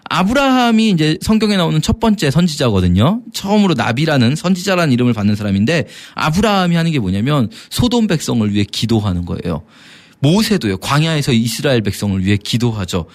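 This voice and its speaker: Animated man explaining scripture. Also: on the high side, fast talker. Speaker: Bible teacher. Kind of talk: radio Bible explanation.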